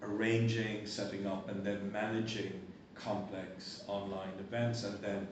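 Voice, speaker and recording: A man chairs a conference and gives its closing remarks, brisk and courteous as he thanks the people involved. His voice sits fairly low and comes from a distance, with a strong echo off the hall. Steady noise runs underneath. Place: university lecture hall. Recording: echoey hall, distant mic, noisy.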